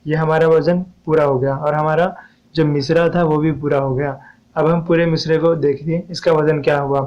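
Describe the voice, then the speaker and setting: This poetry teacher explains a lesson on poetic meter and diction in a level, somewhat high voice at a moderate pace. He is patient, repeats steps, and urges viewers to ask questions, though the recording sounds muffled.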